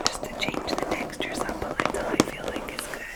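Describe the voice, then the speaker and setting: A woman chatting informally in a soft, breathy ASMR whisper, gentle and rambling, close to the microphone. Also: a little fast. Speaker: ASMR video host.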